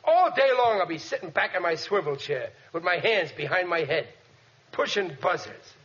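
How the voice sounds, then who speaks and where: Casting: excitable blue-collar radio dad, swinging pitch, blustery stammer, bad grammar, dull 1940s recording. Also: male voice, moderate pace. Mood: expansive, boastful. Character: excitable, boastful, dim working-class family man. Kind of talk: 1940s radio sitcom acting.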